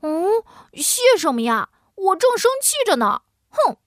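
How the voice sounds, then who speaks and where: A woman's voice: high voice, animated, normal speed, a bit bright, no room sound, studio quality, voice pushed up. A woman voicing a grumpy, pouting little boy piglet in a storybook. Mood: huffy. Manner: whiny, huffy, pouting.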